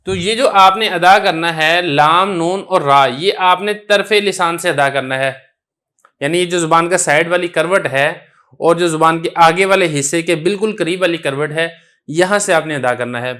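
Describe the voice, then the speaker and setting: A man's voice: a little high, pushed and bright. A man teaching a religious lesson on pronouncing letters, explaining step by step in a patient way and asking questions that he then answers himself. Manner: sustains a drawn-out letter sound when demonstrating pronunciation. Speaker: Quran recitation teacher.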